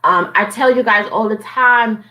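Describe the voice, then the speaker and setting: A woman's voice: on the high side, measured pace, sharp tone, rough recording. A woman with a Southern US accent, a financial coach chatting casually on a live stream, upbeat and repeating herself for motivation. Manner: upbeat, repetitive motivational talk.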